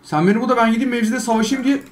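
A man doing gameplay commentary, trash-talking game characters and swinging between loud outbursts and low mutters. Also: very fast, a little hiss or hum. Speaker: gaming YouTuber.

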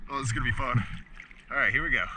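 A man's voice: mid-range voice, rapid-fire. A man in his thirties, an eager treasure-hunting diver, talking casually to his vlog audience in an upbeat way. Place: outdoors by and in a lake. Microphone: action camera, worn or at arm's length. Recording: outdoor action camera with clear background noise.

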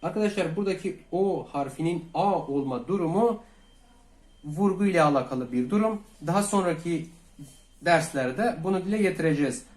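A man from Turkey teaching a language lesson, calmly repeating each phrase twice and speaking to viewers as friends. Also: on the high side, moderate pace, roomy sound. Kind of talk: slow Russian lesson for Turkish learners.

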